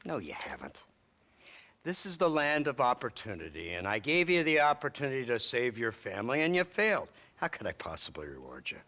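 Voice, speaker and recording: An actor playing a smug, condescending government agent in a video game, with a pompous, sardonic, theatrical delivery. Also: male voice, medium pitch, wildly swooping pitch, a little fast, pushed and bright. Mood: cold, scornful. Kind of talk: dramatic video game acting.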